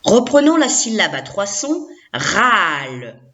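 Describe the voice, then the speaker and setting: A woman's voice: lowish voice, animated, measured pace, fairly bright tone, highs cut off. A woman teacher giving a recorded reading lesson to young children, sounding out syllables one by one and having the listener repeat them.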